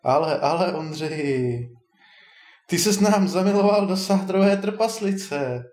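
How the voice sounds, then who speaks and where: A man's voice: mid-range voice, animated, lightly acted. A man doing a teasing old wizard. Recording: roomy echo.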